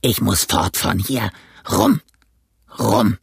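A man voicing a gruff, hard-drinking old sea captain in an audiobook, barking between low growls and sudden high shouts. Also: big pitch swings, slow, no room sound, clean studio sound, heavily acted. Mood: staggering. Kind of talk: audiobook reading.

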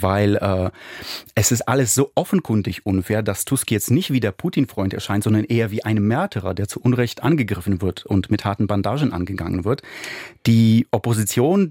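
Guy doing off the cuff analysis, fairly low voice, dry close sound. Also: a little mellow, husky, dry recording. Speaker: political commentator, blogger. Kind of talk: spoken analysis, conversational commentary.

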